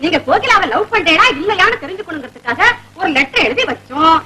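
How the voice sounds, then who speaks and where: A woman's voice: extremely high pitch, lively intonation, quick pace, bright, forceful tone, heavily acted, rough recording. An actress playing a meddling, scheming married neighbor woman in a classic film comedy, talking in a bossy, gossipy way full of theatrical exclamations. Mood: indignant. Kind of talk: 1970s Tamil film comedy acting.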